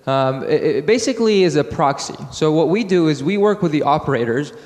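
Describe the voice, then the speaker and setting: A man from Iraq giving a technical conference talk, halting with fillers and restarts. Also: a little high, expressive, darkish tone. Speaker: conference speaker. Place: conference hall. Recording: hall with long reverb.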